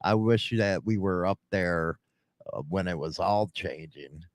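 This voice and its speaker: A man's voice: low voice, unhurried, no room sound, clean studio sound. A man hosting a live podcast, joking crudely and swearing in casual banter. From northern Illinois. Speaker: podcast host.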